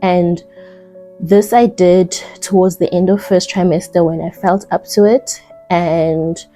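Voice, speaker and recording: A young woman, heavily pregnant and a little out of breath, chatting casually to camera in a vlog with soft laughs and frequent ums. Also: lowish voice, fairly even intonation, measured pace, soft background music. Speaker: vlogger.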